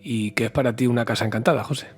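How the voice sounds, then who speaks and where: A man's voice: medium pitch, breathy edge, faint music behind. A man with a Spanish accent, hosting a radio interview and asking friendly questions. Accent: Spanish from Spain. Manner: brisk, friendly questioning with restarts. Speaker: radio show host.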